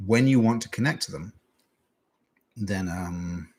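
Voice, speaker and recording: A man's voice: low-pitched, measured pace, darkish tone, husky. A man, a teacher, answering questions in a casual live stream with dry, self-mocking humor. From England. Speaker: English teacher.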